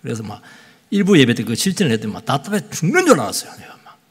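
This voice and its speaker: A man in his fifties preaching a sermon as pastor, excitable and nasal, surging into loud emphatic bursts. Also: mid-range voice, very fast, breathy edge. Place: church sanctuary. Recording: long church hall reverb.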